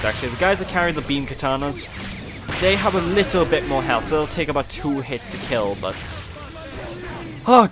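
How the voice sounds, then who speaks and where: Animated Welsh man commentating a game. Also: a little high. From Wales. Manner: chatty, animated, prone to silly put-on voices. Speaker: gaming channel host. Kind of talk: let's play commentary. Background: game music and sound effects.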